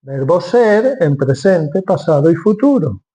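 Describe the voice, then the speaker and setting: A man's voice: fairly high pitch, big pitch swings, unhurried, warm tone. A man preaching a sermon from Spain, explaining step by step and asking then answering his own questions.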